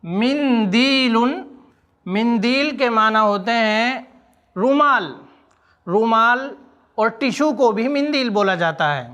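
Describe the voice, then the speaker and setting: High, bright-voiced male Arabic teacher. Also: expressive. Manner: says each Arabic word slowly and repeats it, then explains its meaning. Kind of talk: vocabulary lesson in Urdu.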